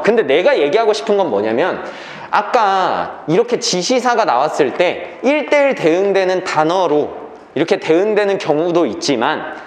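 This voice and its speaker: A man's voice: sits high, reverberant. A man teaching an English reading class, lecturing and often checking that the students follow.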